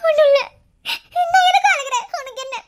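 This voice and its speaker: A woman's voice: very high voice, a little slow, noisy background. A woman voicing a desperate, ashamed young village wife in a cartoon, with a Madurai Tamil accent and pleading, sobbing speech. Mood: tearful, pleading. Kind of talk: cartoon voice acting.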